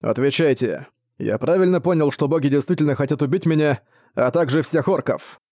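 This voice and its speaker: A man's voice: on the high side, brisk, mellow, no room sound. A man voicing a male orc warrior who speaks in short, blunt questions, recorded dry. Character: brutal orc warrior, male, gruff and weary.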